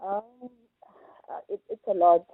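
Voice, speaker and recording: A woman's voice: medium pitch, flat delivery, no echo. A woman speaks hesitantly on a speakerphone call into a radio show. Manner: hesitant, halting. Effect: over the phone, on speakerphone. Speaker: charity foundation team member. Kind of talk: radio phone-in interview. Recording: muffled, distant phone line.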